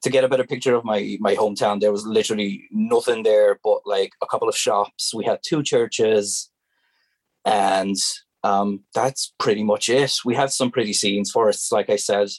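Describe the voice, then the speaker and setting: A man's voice: lowish voice, fairly even intonation, normal speed, slightly rough, dry recording. A young man from Hungary, a native Hungarian speaker with a Hungarian accent, talking as a guest in a casual interview and often restarting his sentences as he searches for words.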